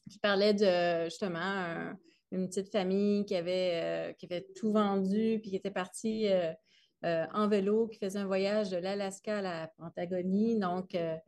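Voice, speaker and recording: A woman's voice: medium pitch, darkish tone. A woman, a guest telling her story hesitantly with many fillers. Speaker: guest, teacher. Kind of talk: casual interview chat.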